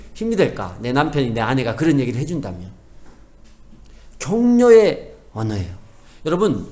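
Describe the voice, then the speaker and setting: A middle-aged male pastor preaching a sermon, swinging between loud emphasis and soft asides and acting out everyday family talk in quoted voices. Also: medium pitch.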